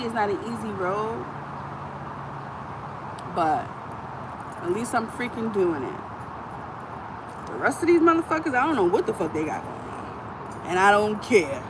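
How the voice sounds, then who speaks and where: High-voiced blunt woman vlogging outdoors. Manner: blunt, profane and emphatic; animated, repeats lines for emphasis. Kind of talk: casual monologue to camera. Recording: noisy outdoor recording with traffic.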